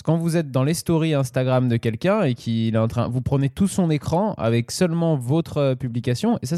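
A man's voice: mid-range voice, mellow, no room sound, clean studio sound. A man co-hosting a casual podcast discussion, explaining and speaking directly to listeners.

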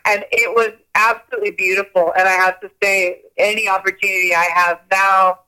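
A woman's voice: medium pitch, level tone, brisk, sharp tone, clean tone, low-quality recording. A woman on a speakerphone call, a guest yoga teacher chatting in an interview, talking freely with frequent restarts and small laughs. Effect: heard over a speakerphone call. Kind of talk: casual interview chat.

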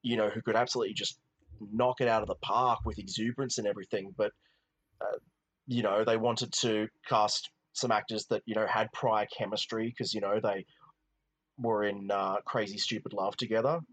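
A man's voice: fairly low pitch, fairly even intonation, moderate pace, fairly bright tone, husky, low-quality recording. A man co-hosting a film podcast, talking casually and rambling, with many restarts and "you know"s. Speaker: podcast co-host. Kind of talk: casual film review chat.

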